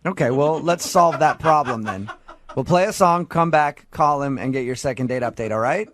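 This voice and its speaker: A man's voice: mid-range voice, animated, moderate pace, fairly bright tone. An American man hosting a morning radio show, bantering casually with callers in a mock-earnest, teasing way.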